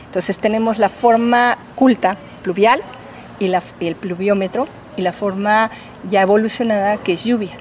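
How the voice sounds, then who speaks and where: A woman's voice: mid-range voice, steady tone, normal speed, slight background noise. A woman professor, answering interview questions in a patient, teacherly way with many fillers. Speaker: linguistics professor.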